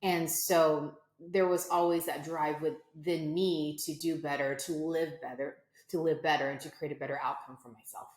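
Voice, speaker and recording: A woman in her forties from the United States, appearing as a guest entrepreneur in a conversational interview, speaks reflectively with frequent fillers and restarts. Her voice is low and steady, moving at a moderate pace with hardly any pauses, and the recording is reverberant.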